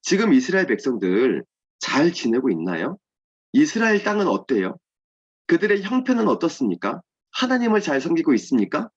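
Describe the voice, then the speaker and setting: A man's voice: a little high, huge pitch swings, fairly quick, pitched above the performer's own voice. A man voicing an earnest male royal official who pleads heartfeltly, in a children's Bible lesson. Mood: asking anxiously. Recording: dull lo-fi sound.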